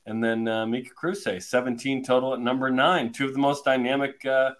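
An upbeat man hosts a sports podcast, running through numbers with easy fillers. His pitch sits in a middle range for a man. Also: little pitch movement, brisk, fairly bright tone. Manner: upbeat, reads stats with fillers. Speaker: podcast host.

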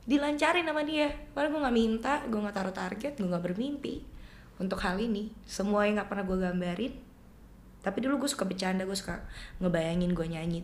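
A woman's voice: mid-range voice, darkish tone. A young adult woman from East Nusa Tenggara, a singer guest in a casual interview, speaking earnestly and emotionally.

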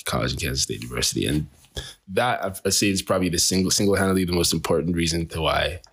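A man, a travel photographer, chatting casually in an interview, animated and laughing often, with frequent restarts. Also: sits low, fast, breathy edge.

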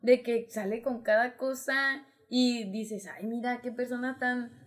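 Young Mexican woman, casual chat, hesitant with many fillers, slightly high voice. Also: fairly even intonation, a little slow. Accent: Mexican Spanish. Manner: hesitant, filler-heavy, laughing. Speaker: café worker.

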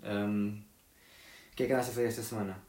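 A young man with a European Portuguese accent hosting a podcast in casual, chatty talk, often chiming in with quick agreements. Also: fairly low pitch, fairly even intonation, warm tone. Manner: quick, chatty, affirming interjections. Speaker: podcast host. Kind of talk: casual chat. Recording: roomy echo.

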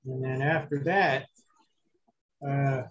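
Man with a gravelly, scratchy voice. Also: medium pitch, fairly even intonation, takes it slowly, lo-fi sound. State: bruised, inflamed throat after surgery. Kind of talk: casual chat.

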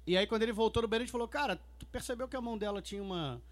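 A man's voice: sits high, racing. A middle-aged man, chatty and jumping between asides in a casual chat.

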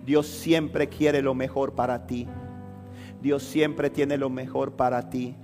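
A man's voice: mid-range voice, level tone, takes it slowly, darkish tone, in a large hall, faint music behind. A man preaching a sermon as a pastor, repeating phrases with rising fervor.

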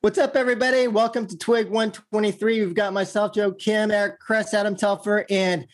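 A man's voice: high voice, steady tone, a little fast, over loud music. A man hosting a show, giving the introduction and rundown in a casual chatty style. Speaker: podcast host.

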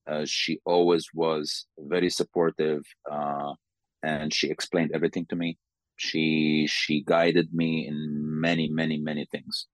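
A man in his forties with a Sudanese accent, answering interview questions in a halting, careful way and often repeating words. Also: extremely low pitch, flat delivery, no echo. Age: 40s. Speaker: interview guest. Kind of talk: conversational interview.

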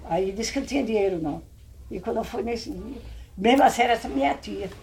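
Recalling old times, an elderly Brazilian-accented woman tells family stories casually, rambling and vivid, acting out scenes with exclamations. She speaks quickly in a warm, slightly high voice with lively intonation, captured on a rough recording with a little background noise.

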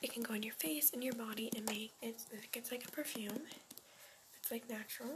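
Woman in soft whispered role-play, noisy recording. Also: on the high side, fairly quick. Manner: soft unvoiced spa whisper. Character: caring best friend giving a facial.

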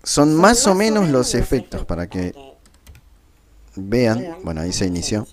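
A man giving a casual spoken software tutorial into his computer's built-in microphone, with frequent fillers. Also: medium pitch, wildly swooping pitch, measured pace. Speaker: tutorial presenter. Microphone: computer's built-in default microphone.

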